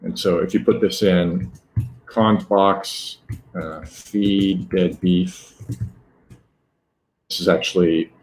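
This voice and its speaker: A man gives a live technical demo in a very deep voice. He stops often, filling gaps and correcting himself as he walks through the steps. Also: fairly even intonation, darkish tone, low-quality recording. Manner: halting, many fillers and self-corrections. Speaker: presenter.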